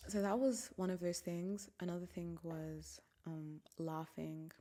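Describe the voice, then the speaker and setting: A young African woman hosts a casual solo podcast, speaking candidly and reflectively into a microphone, often sinking to a near whisper. Her voice is lowish and dark in tone, with a level delivery and an unhurried pace.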